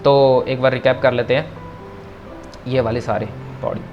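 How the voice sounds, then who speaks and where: A man's voice: medium pitch, steady tone, dull audio, music in the background. Patient man teaching verse pronunciation. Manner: patient, repeats corrections, chants verses slowly. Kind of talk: online class explanation. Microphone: video call.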